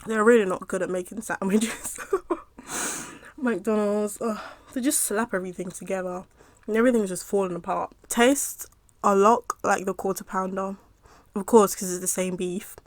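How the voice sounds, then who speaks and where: A young woman chats casually between bites, her voice at a middling pitch. She rambles with plenty of fillers, drifting off and picking the story back up. The sound is dry and close, with no room around her. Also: steady tone, no room sound. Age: young adult. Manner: chatty, rambling with many fillers, pauses to eat. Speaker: mukbang vlogger. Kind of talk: casual storytime while eating.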